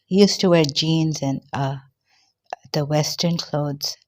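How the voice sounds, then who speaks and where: An older woman from Pakistan talks slowly and haltingly, with many fillers and pauses along the way. Her voice sits low, and she sounds a little out of breath. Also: a little mellow. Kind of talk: personal testimony monologue.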